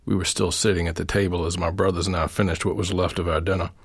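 A middle-aged man reading his own memoir essay aloud, in a quiet, measured storytelling manner. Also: low voice, flat delivery, slightly rough.

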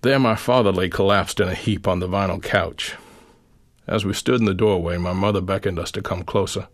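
A middle-aged man reading his own memoir essay aloud, in a quiet, measured storytelling manner. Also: sits low, fairly even intonation.

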